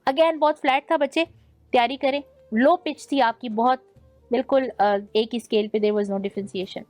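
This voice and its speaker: A woman's voice: a little high, fairly even intonation, a little mellow, no room sound, soft background music. A woman judging a naat recitation contest, giving direct critiques and sprinkling English words into her Urdu. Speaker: naat competition judge. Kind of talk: judging feedback.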